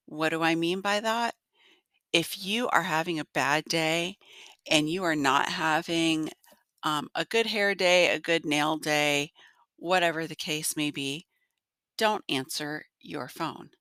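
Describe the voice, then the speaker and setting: Woman, 40s, podcast host, congested, slightly nasal and gruff, direct encouraging tone, dry close sound. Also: deep voice, pushed and bright, dry recording. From North Carolina. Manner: direct, encouraging advice to listeners. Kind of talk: solo business podcast talk.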